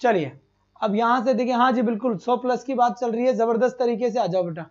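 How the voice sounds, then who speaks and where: A man's voice: very high-pitched, a little fast, darkish tone. A male teacher giving a live online exam-prep lesson, who repeats each answer, asks rhetorical questions and calls his students "beta". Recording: slightly dull lo-fi stream audio.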